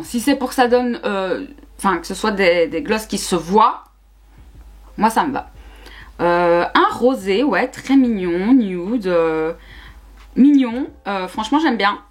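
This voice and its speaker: A young woman, chatting casually through a makeup review with lots of fillers and repeated words. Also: medium pitch. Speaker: beauty vlogger.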